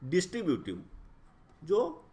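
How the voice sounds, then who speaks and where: Male grammar tutor: measured, unhurried delivery, pitch swinging widely for emphasis. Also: huge pitch swings, dark tone. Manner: slow, deliberate, rising and falling emphasis. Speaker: grammar teacher. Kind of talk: explanatory lecture.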